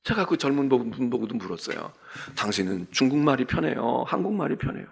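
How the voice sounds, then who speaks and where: Middle-aged pastor man doing a chatty morning sermon, kinda husky, voice jumps up and down a lot. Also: mid-range voice, sing-song, brisk. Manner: conversational storytelling sermon, asks the congregation "예?". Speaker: senior pastor. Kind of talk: early-morning Lent sermon. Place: church sanctuary.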